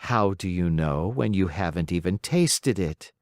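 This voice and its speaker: A storyteller voicing a patient, motherly fairy who coaxes gently but firmly. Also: low voice, expressive, unhurried, no echo, clean studio sound, pitched below the performer's own voice. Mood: coaxing. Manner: gentle, coaxing and firm.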